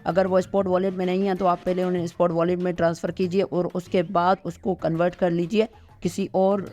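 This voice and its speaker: High-pitched Pakistani Urdu tutorial man. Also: little pitch movement, fairly quick, mellow. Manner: step-by-step instructing, frequent "theek hai" check-ins. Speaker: host of a crypto tutorial. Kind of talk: screen-recorded tutorial walkthrough.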